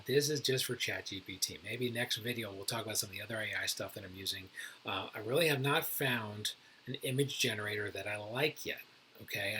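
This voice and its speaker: A man's voice: mid-range voice, bright, forceful tone, a little hiss or hum, poor audio. A man who hosts a real estate channel, giving a casual, informal how-to talk to other agents in a chatty way, often restarting his sentences. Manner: informal, chatty, self-correcting. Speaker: realtor and channel host.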